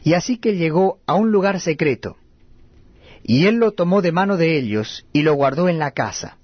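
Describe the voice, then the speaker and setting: A man reading scripture aloud at a steady, measured cadence. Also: fairly high pitch, dry recording, highs cut off. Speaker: Bible reader.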